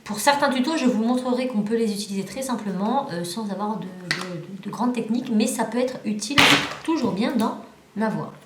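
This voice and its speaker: A woman's voice: a little high, animated, brisk, background noise. French woman w southern accent, chatty craft vlog, lots of euh, echoey room. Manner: chatty, many fillers and restarts. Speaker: craft YouTuber reviewing a parcel. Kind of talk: casual chat.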